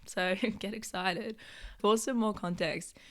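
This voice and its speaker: A young woman in her twenties hosting a podcast in a casual, chatty monologue, her voice hoarse from being sick. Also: mid-range voice, steady tone, slow. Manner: chatty, many filler "like"s. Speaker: podcast host.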